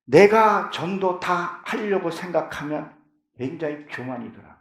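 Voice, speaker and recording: A middle-aged male pastor delivers a fervent sermon in a church sanctuary. His voice sits high for a man and has a gravelly edge. The sound carries a roomy, echoing quality. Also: animated, measured pace. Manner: fervent, rising to impassioned pleading in prayers. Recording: echoey church hall.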